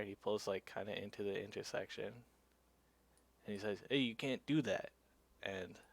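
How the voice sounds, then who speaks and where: A man's voice: lowish voice, gravelly. A man narrating his own cycling footage in a loose, conversational way, with lots of fillers. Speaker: cyclist vlogger. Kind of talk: casual storytelling narration.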